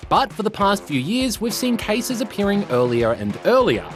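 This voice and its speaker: A man's voice: sits high, sing-song, normal speed, over music. A man with an Australian accent presenting scripted educational news for children in a playful, explanatory way.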